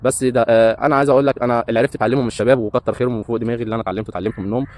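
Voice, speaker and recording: A man's voice: medium pitch, steady tone, racing, darkish tone, a little hiss or hum. A man in his thirties with an Egyptian Arabic accent, a breakdancer and hotel entertainer telling his life story in a rambling way, with lots of hesitant fillers. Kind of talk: casual life-story monologue.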